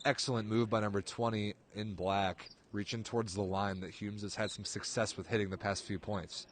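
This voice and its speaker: A man's voice: on the low side, normal speed, a little hiss or hum. A man calling a volleyball match live, play-by-play, his voice jumping up on big plays. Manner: excitable, voice jumps up on big plays. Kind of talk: live sports commentary.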